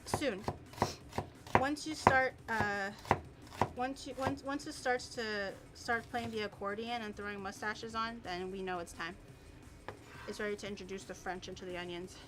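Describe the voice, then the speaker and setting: A woman's voice: medium pitch, steady tone, moderate pace, background noise. A woman hosting a casual cooking live stream, chatting in a playful, teasing way and swearing casually.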